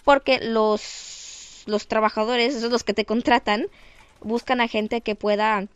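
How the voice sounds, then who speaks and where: A teenage girl with a Mexican Spanish accent, chatting to her viewers in a casual vlog. Her voice is on the high side, smooth and clear. She sounds lively and pokes fun at herself, recorded close up in a dry room. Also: measured pace, dry recording, dull audio. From Canada. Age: teens. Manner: chatty, lively, self-mocking. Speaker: vlogger.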